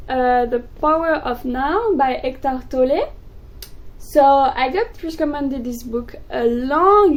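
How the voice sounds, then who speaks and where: A young woman, a native French speaker, chatting excitedly about books in a casual vlog. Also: high voice, rough recording. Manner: excitable, gushing, quick bursts. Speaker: book vlogger. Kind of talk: casual chat to camera.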